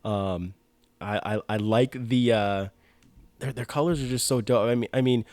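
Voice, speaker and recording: With a fairly low, darkish voice at normal speed, a young man co-hosts a casual podcast about sports uniforms. He's eager, tripping over restarts and leaning heavily on "like," and the audio has no echo.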